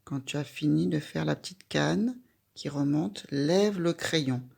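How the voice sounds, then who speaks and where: A woman's voice: sits low, a little slow, creaky, a little mellow, husky. A woman giving a patient, step-by-step handwriting lesson, speaking directly to a young child with simple instructions. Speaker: handwriting teacher.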